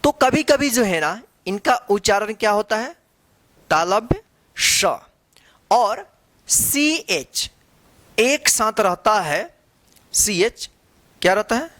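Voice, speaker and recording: A woman's voice: medium pitch, a bit bright, no echo. A woman teaching a phonics lesson, spelling out letters one by one and then reading the word. She repeats each word and asks rhetorical questions as she goes. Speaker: English teacher.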